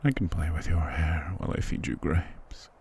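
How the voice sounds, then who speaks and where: A rumbling low male voice with a darkish tone and moderate pace plays a doting, dominant vampire lord in an intimate ASMR roleplay. Tender, possessive, and seductive, he uses formal endearments. Some slight background noise can be heard.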